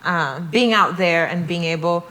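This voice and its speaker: A woman's voice: fairly low pitch, a little slow, fairly bright tone, low-quality recording. A young woman from Malawi, speaking reflectively as an interview guest. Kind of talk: casual interview conversation.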